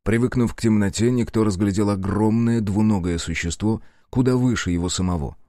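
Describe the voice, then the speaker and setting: Studio-quality and dry, this recording features a man with a fairly low pitch narrating a scripted audiobook. His storytelling delivery stays even and measured.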